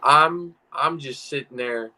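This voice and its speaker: A man's voice: medium pitch, takes it slowly, bright, forceful tone, poor audio. A young man co-hosting a podcast, telling a story casually and acting out the dialogue, repeating words for effect. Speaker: podcast co-host.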